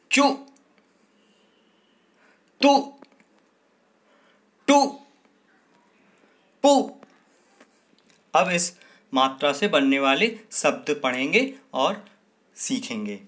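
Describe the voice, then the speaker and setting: Slow, bright-voiced male teacher. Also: sing-song. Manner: slow, clearly sounds out each syllable, then raises pitch and volume for the answer. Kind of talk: children's Hindi lesson.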